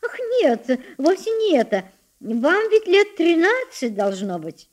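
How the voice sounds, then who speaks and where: A woman voicing a shy, kind-hearted young girl who speaks hesitantly and gently. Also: extremely high pitch, sing-song, slow, voice pushed up, exaggerated voice.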